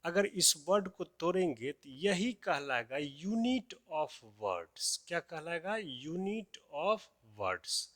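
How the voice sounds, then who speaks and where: A man's voice: a little high, sing-song, slow pace, hardly any pauses, fairly bright tone, dry recording, studio quality. A man teaching a lesson to children, repeating key terms and asking and answering his own questions.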